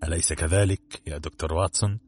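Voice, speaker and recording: Man doing a smug police inspector, boastful, low husky voice, storybook reading. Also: fairly even intonation, quick pace, darkish tone, faint music behind. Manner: smug, overconfident. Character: boastful, self-satisfied male police inspector.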